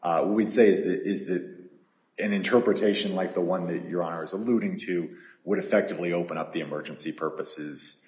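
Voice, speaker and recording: A man attorney making an appellate oral argument, halting and often repeating his words. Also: low voice, steady tone, a little mellow, roomy sound.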